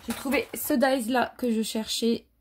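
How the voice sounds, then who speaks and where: A woman's voice: on the high side, steady tone, measured pace, slight background noise. A woman chatting casually through a craft haul, hesitant and full of fillers. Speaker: craft vlogger. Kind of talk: casual haul show-and-tell.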